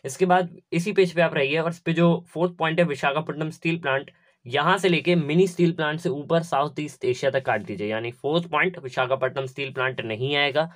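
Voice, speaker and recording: Young male teacher, a bit high-pitched, methodical and repetitive delivery. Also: a little fast, a bit bright. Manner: instructive, repetitive, step by step. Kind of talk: syllabus walkthrough lesson.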